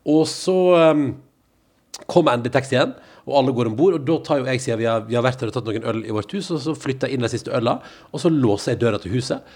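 A man hosting a podcast, telling a long anecdote in casual chat and acting out what people said. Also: medium pitch. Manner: animated anecdote-telling, acts out quoted voices. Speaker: podcast host.

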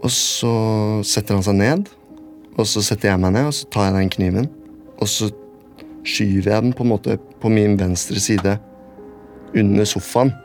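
A man with a low, gravelly voice recounts his story for a radio documentary. He talks haltingly, repeats himself and chains his clauses together one after another. Soft music plays faintly behind him. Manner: halting, repetitive, strings clauses together with "and then". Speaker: interviewee recounting a personal event. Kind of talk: spoken recollection in a radio documentary.

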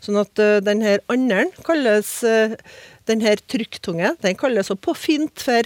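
A woman's voice: a little high, no echo. A woman on a radio language panel, patiently explaining grammar with examples and tag questions, recorded in a studio.

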